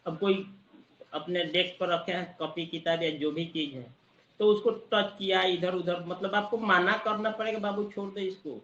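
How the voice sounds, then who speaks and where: A man teaching a study group from a spot near a busy market, slowly repeating technical terms as he explains. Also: high voice, fairly even intonation, a bit bright, roomy sound, lo-fi sound, slight background noise. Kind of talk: online study-group lecture.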